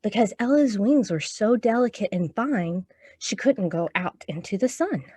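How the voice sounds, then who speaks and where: Warm, husky and animated, this woman's mid-range voice moves at a moderate pace. She hosts a young children's storytime with songs and picture books, cheering on the kids and reading to them.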